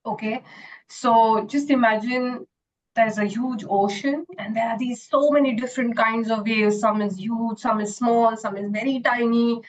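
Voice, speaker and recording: A woman's voice: on the high side, fairly even intonation, measured pace, poor audio. A woman founder and homeopath answering interview questions earnestly and telling a parable, with frequent fillers. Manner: earnest, with many "you know" fillers. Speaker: guest, retreat founder and homeopath.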